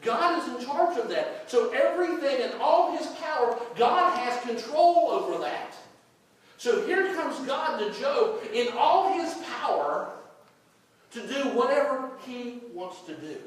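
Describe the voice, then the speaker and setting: A pastor preaches in a high, lively voice, folksy and repetitive as he swings from loud to hushed. He sounds distant from the mic in a very echoey church, with faint room noise behind him. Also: unhurried. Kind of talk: sermon. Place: church sanctuary. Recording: echoey church recorded from far off.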